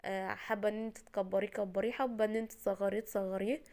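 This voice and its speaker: Racing through a casual step-by-step recipe, a woman from Egypt speaks with an Egyptian Arabic accent in a medium-pitched, dark, fairly even voice worn by a cold. She's a home cooking host, chatty and reassuring.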